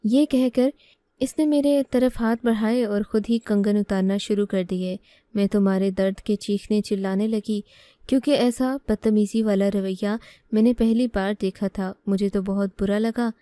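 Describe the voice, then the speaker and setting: Woman telling a story in first person, very mellow dark voice, dry close sound. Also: mid-range voice, steady tone, moderate pace, dry recording.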